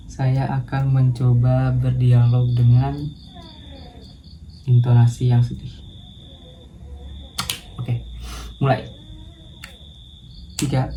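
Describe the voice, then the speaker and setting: A man's voice: mid-range voice, monotone, slow pace, long pauses, noisy background. A man talking to camera in a casual practice monologue, hesitant and thinking aloud with self-corrections, with crickets chirping behind. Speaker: vlogger doing a speaking challenge.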